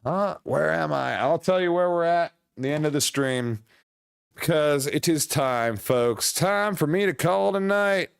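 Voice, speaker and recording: A man's voice: fairly high pitch, lively intonation, unhurried, gravelly, clear, resonant tone, dry recording, studio quality. A man streaming a story game, joking casually and reading the dialogue aloud. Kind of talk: casual let's-play commentary. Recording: game music faint behind.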